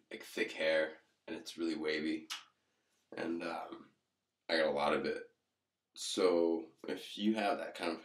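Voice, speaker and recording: Male vlogger, deep-voiced, off-the-cuff and meandering with halting delivery, recorded in a heavily reverberant room. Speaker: vlogger reviewing hair pomade. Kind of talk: casual chat to camera. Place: echoey room indoors.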